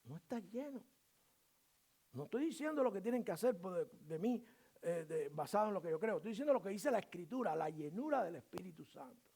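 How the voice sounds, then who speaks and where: A man preaches a sermon as pastor, his voice pitched high and swooping widely. He drives his points with strings of rhetorical questions and shifts from loud, emphatic lines to quiet, low asides. Now and then he slips into brief voices of church members. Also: brisk, gravelly, husky. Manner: animated preaching, rhetorical questions, dramatic swings in volume.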